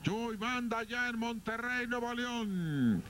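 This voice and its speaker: Mexican guy on old tv wrestling broadcast, super high voice, pompous and teasing, noisy arena behind him. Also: expressive, a bit bright. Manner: grandiose, teasing, drawn-out exclamations. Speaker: wrestling commentator. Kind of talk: excited sports commentary with banter.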